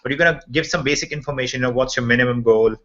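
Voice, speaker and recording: Bright-voiced man on a lo-fi video call. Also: medium pitch, rapid-fire. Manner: talks through a shared screen, loose and chatty. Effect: heard over a video call. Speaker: host presenting member updates. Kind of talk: casual webinar walkthrough. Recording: dull lo-fi video call audio.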